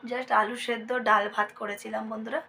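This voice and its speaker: Speaking from inside her home in India, a young vlogger with a Bengali accent talks chattily to her viewers like friends. Her fairly high voice has vocal fry and a flat, brisk delivery, dropping softly at times to keep from waking her sleeping daughter. A little hiss or hum sits under the recording.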